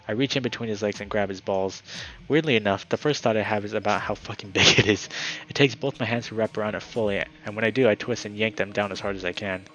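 A man's voice: on the low side, quick pace, few pauses, a bit bright, low-quality recording. A man reading a visual novel aloud for his channel, narrating dramatically with the odd casual aside. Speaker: gaming YouTuber.

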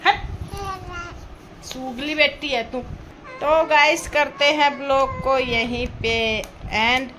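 A woman with a high voice talks slowly and easily while filming a casual vlog at home. She chats to her viewers and fusses affectionately over a baby girl. Her phone recording picks up loud street and vehicle noise behind her. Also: fairly even intonation, low-quality recording. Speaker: vlogger. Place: room at home.

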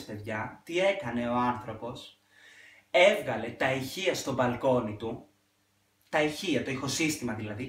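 A young man vlogger telling a casual storytime monologue, animated and dramatic with sudden loud outbursts. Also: mid-range voice, far from the mic. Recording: echoey room, off-mic.

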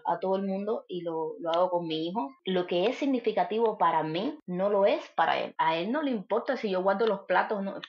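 A woman's voice: mid-range voice, highs cut off. A woman with a Cuban Spanish accent in a conversational podcast, explaining earnestly and giving everyday examples. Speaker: guest speaking about parenting.

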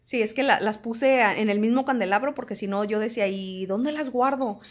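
A woman, chatting to camera in a home vlog and telling stories in an animated way. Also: on the high side, fast. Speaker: home vlogger. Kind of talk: casual chat to camera.

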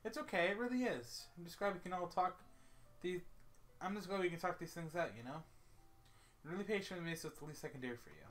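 A man voicing a sweet, cheerful teenage girl in a game, speaking softly and affectionately with a teasing edge. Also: high-pitched, fast, pitched above the performer's own voice. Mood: warm.

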